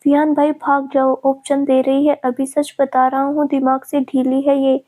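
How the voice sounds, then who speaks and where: A woman's voice: high voice, flat delivery, moderate pace, warm tone, close to an everyday voice. A woman voicing a cheeky younger brother who teases his sister, in a storybook reading. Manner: cheeky, joking.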